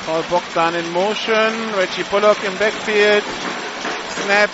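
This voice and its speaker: A man giving live American football commentary as a play-by-play announcer, making an excited touchdown call. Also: sits high, slow, muffled recording, very noisy.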